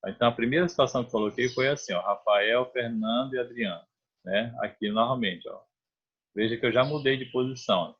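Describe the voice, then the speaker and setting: Husky-voiced man teaching math. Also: mid-range voice, brisk. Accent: Brazilian Portuguese. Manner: explains step by step, often checks with "né?" and "tá?"; conversational, restarts phrases while drawing. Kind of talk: online math lesson. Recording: dull lo-fi online class audio.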